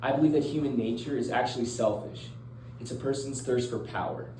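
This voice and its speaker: A man's voice: mid-range voice, a little fast, mellow, natural voice. A teenage boy playing a stern, blunt male philosopher in a school role-play interview, reading plainly and earnestly. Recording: roomy, distant mic, faint noise.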